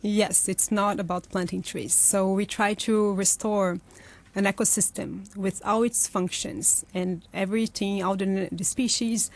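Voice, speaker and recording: In conversational interview answers, a young woman from Brazil talks through her forest restoration work with care. She speaks at a measured pace in a mid-range voice with fairly even intonation, restarting often and using lots of fillers.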